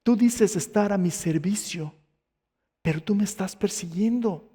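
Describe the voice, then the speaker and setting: A man's voice: sits high, a little slow, warm tone, husky, big-room sound, pitched above the performer's own voice. A man voicing a stern divine figure rebuking a persecutor, firm and scolding.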